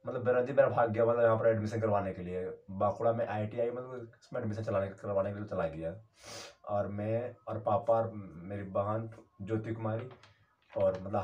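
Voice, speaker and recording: A man's voice: on the low side, muffled recording. Rambling man telling a story from far off. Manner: rambling, halting, many fillers and restarts. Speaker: YouTuber. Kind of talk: casual first-person storytelling.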